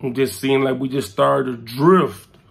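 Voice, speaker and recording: A man's voice: mid-range voice, unhurried, creaky. A man telling a story from his past in casual talk, acting out what people said and dropping "man" into his sentences. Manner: animated, acts out quoted lines, fills with "man". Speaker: interviewee recounting his past.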